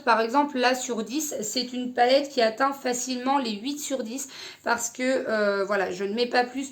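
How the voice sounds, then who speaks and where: A young woman casually reviewing an eyeshadow palette, hesitant with many fillers. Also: fairly high pitch. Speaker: beauty vlogger.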